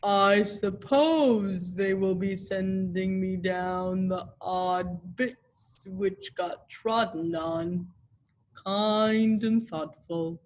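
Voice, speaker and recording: A woman acts out a gloomy old donkey in a storybook. He drags every word very slowly in a deadpan, sarcastic mutter, sounding put-upon and resigned. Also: medium pitch, rough recording. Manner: slow, drawn-out, deadpan muttering.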